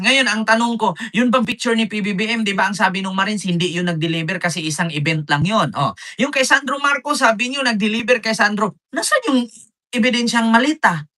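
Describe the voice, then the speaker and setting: Combative bright-voiced male vlogger. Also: extremely high pitch. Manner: combative, retells arguments with quoted back-and-forth; addresses viewers directly, gives shoutouts. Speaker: political vlogger. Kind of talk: live-stream political commentary.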